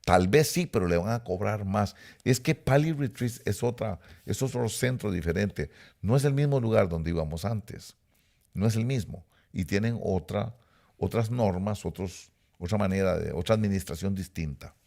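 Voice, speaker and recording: A man's voice: fairly low pitch, moderate pace, creaky, warm tone. A middle-aged man preaching a sermon, emphatic and repetitive, speaking straight to his listeners. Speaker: pastor.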